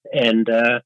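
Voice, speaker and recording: A Danish man with a Danish accent, a marketing director, is a guest on a casual podcast interview, thinking aloud hesitantly with many fillers and restarts. His voice is mid-range, with no echo, though the recording is muffled.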